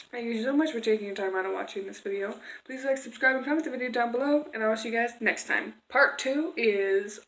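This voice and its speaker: A woman telling a personal story casually to camera as a vlogger, in a rambling, conversational way. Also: medium pitch. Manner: rambling, conversational, acts out quoted exchanges. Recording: echoey room.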